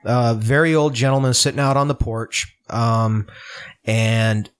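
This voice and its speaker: A man's voice: medium pitch, steady tone, a little slow, clean tone. A man being interviewed as a political candidate, talking in an earnest, rambling way with many false starts, in a home room. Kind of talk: casual podcast conversation. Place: home room with open window.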